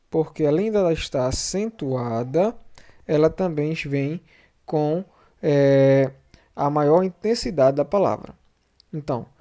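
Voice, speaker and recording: A man with a Brazilian Portuguese accent teaching a video lesson, repeating key terms and slowing down to spell out syllables. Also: fairly high pitch, warm tone. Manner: repetitive, slows down to spell out syllables and endings.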